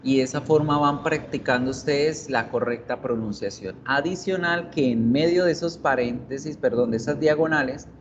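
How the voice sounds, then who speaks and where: A man's voice: mid-range voice, moderate pace, few pauses, highs cut off, slight background noise. A man teaching an online English class, explaining step by step and repeating example words several times.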